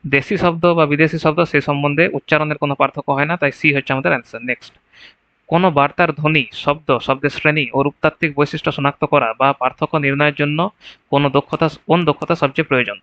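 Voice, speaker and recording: A man's voice: on the high side, fairly even intonation, very fast, fairly bright tone, no echo, dull audio. A man teaching an exam-prep lesson, going through the answer choices one by one and often checking with "right?".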